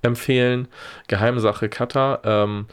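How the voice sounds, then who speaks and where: A man's voice: medium pitch, steady tone, measured pace, clear, resonant tone. A man talking casually on a podcast, wry and exasperated, using dry gallows humor. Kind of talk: casual chat.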